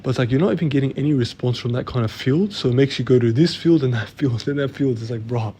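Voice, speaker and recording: A young man chatting casually as co-host, telling stories in slangy, animated talk. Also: mid-range voice, quick pace, slight background noise. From Australia. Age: young adult. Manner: slangy, animated storytelling with lots of "bro" and "like". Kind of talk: casual chat.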